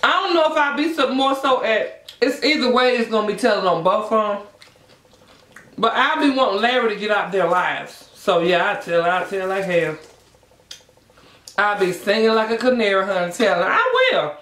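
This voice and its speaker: A vlogger chatting casually and bluntly to viewers between bites of food, telling things in an animated way. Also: medium pitch, normal speed. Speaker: mukbang vlogger. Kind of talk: casual chatty mukbang vlog while eating. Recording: echoey room.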